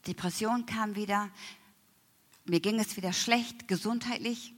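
A woman giving a personal faith testimony, emotional, often slowing down and dropping to near whispers. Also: medium pitch. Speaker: church member giving testimony. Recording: long hall reverb.

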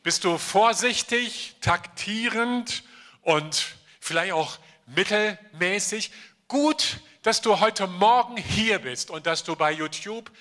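A man's voice: high voice, slow, pushed and bright. A middle-aged man preaching a sermon at a church service into a microphone, earnestly asking his listeners direct questions. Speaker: pastor. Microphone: handheld microphone.

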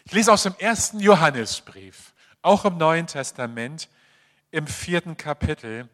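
A male preacher with a fairly high voice and an unhurried delivery. He speaks in a sermon style, acting out quoted voices and moving between emphatic passages and quiet, confiding asides. The sound carries a long reverb from a large church space. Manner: animated, acts out quoted voices.

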